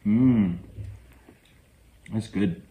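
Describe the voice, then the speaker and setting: A man's voice: on the low side, drawn-out words, mellow, slight background noise. A man tasting along with the host, giving brief, off-hand reactions from away from the mic. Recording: roomy echo, off-mic.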